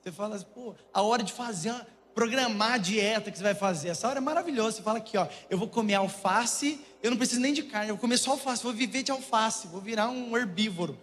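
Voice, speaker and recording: A young man with a Brazilian Portuguese accent, preaching a humorous sermon and telling jokey, animated stories to a congregation in a church. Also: high voice, fast talker, few pauses. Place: church auditorium. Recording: long church hall reverb, faint noise.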